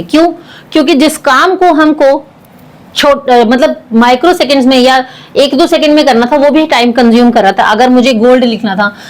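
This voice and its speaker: A woman, a science teacher explaining a lesson step by step and calling her students beta. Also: a little high. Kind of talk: classroom lecture.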